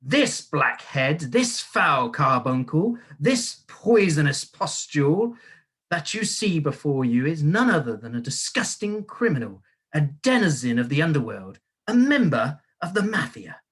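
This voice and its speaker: A storyteller voicing a cruel, bullying headmistress who booms and barks insults at a child. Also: sing-song, moderate pace, fairly bright tone, husky. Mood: bellowing. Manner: booming, barking insults, mock-sweet when menacing. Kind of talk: audiobook character voice.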